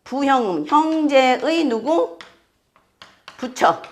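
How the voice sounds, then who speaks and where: A woman's voice: high-pitched, expressive. A woman teaching an astrology class, explaining step by step, repeating key terms and often checking whether her students follow. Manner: keeps checking students with quick questions. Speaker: fortune-telling astrology teacher. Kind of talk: classroom lecture.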